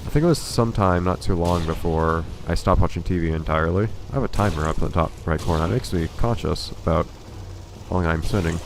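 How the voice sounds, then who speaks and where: A man with a low, creaky, stuffy-sounding voice talks fast while playing a video game, offering dry, wry commentary as a let's play host. The background is noisy and the commentary casual.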